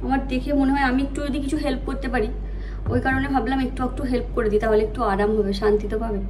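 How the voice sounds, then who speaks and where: A woman's voice: a little high, flat delivery, rapid-fire, noisy background. A woman chatting casually to her viewers in a daily home vlog, explaining her chores as she goes. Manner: talks softly while child sleeps; sing-song coaxing voice with child. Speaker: vlogger. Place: home, kitchen and rooms, indoors.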